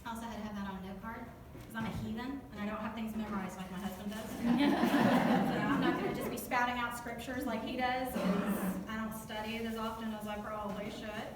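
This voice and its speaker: Recorded from far away in a noisy, echoey church hall, a woman with a Southern US accent gives a chatty, joking devotional talk and puts questions to her church group. Her voice is fairly high and fairly even in intonation, and she speaks briskly with few pauses.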